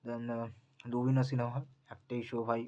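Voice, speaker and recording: A young man, chatting casually at home and keeping his voice low on purpose, with many fillers. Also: monotone, moderate pace, muffled recording. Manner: speaks softly on purpose, many fillers, mixes English into Bengali. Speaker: film box office vlogger. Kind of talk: casual chat.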